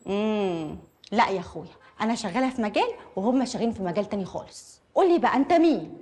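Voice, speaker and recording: A sharp-tongued Egyptian woman at a clinic who bristles at any slight, played by an actress. She speaks very fast and her pitch leaps up and down. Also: animated, natural voice. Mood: suspicious. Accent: Egyptian Arabic. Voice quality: sassy, bristling.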